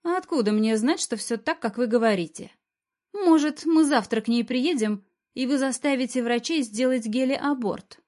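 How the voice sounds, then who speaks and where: Sullen teenage girl from an audiobook, higher voice, blunt and distrustful, done by a woman reader. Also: moderate pace, darkish tone, close to an everyday voice. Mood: defiant. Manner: blunt, suspicious, talks back. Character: sullen defiant teenage girl missing a hand.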